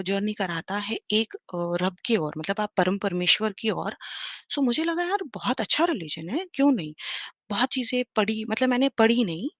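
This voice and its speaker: Woman in her 30s telling her own story on a live stream, animated, lots of fillers, dry sound. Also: medium pitch, no room sound. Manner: animated, mixes English into Hindi, many fillers. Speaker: guest on a live debate stream. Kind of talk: personal testimony, casual storytelling.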